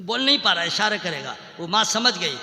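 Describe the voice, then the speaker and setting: A man preaching a sermon, swinging between loud chanted shouting and quiet conversational asides, sometimes singing Arabic verses. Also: high voice, sing-song, fairly quick. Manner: chants Quranic Arabic in a sung tone. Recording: echoey hall with long reverb.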